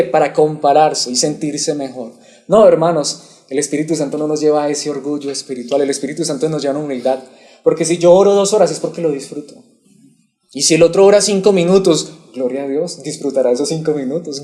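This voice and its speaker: A man preaches a Bible sermon, asking his listeners questions and waiting for them to answer. His voice sits somewhat high but stays warm and mellow rather than bright. He sounds like a pastor teaching his church. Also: steady tone, brisk. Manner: asks the congregation questions and waits for replies. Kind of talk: expository sermon.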